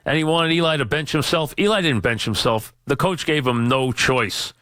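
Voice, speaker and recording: A man's voice: a little high, normal speed, a bit bright, smooth, no room sound. A man hosting sports talk radio on a studio mic, opinionated and emphatic, often answering his own questions. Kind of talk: radio commentary and taking calls. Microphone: studio radio microphone.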